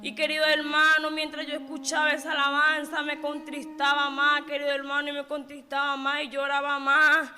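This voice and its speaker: A woman's voice: high voice, completely flat delivery, moderate pace, hardly any pauses, pushed and bright. A woman giving an emotional religious testimony in church, repeating and calling her listeners dear brother. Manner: repetitive, keeps addressing listeners as dear brother. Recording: reverberant hall with faint music.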